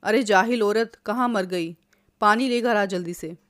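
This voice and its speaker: A woman's voice: mid-range voice, moderate pace, dry recording, studio quality, close to an everyday voice. Woman doing a rude bossy husband. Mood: angry. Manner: sneering, shouting.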